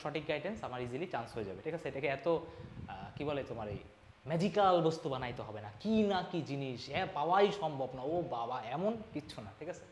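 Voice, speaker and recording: Young guy coaching teacher rattling off a pep talk, kinda high voice, echoey room, faint hum behind. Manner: fast, emphatic, switches between formal and informal address.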